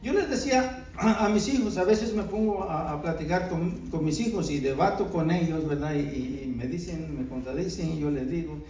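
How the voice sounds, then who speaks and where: Middle-aged male pastor, high voice, earnest sermon, keeps checking in with the congregation, distant from the mic. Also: moderate pace, few pauses, darkish tone, slight background noise. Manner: earnest, many rhetorical "¿verdad?" asides. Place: church. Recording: echoey church hall, voice from off-mic.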